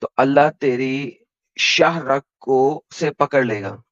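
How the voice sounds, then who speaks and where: A man's voice: mid-range voice, no room sound. Indian male debate host, pushy and relentless, dull dry call audio. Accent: Indian Hindi. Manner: insistent, rapid-fire, quotes verses and references. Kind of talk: heated online debate.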